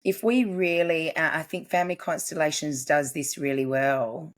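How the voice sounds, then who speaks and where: Her voice sits low and stays steady as this family constellations practitioner talks on a podcast. She's earnest and explanatory, speaking casually and in quick bursts.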